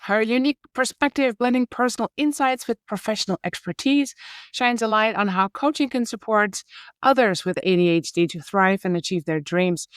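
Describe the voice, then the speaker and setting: A woman's voice: on the high side, clean tone, dry recording, clean studio sound. A woman hosting a podcast interview, reading a prepared introduction and then chatting with small hesitations and restarts. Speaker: podcast host.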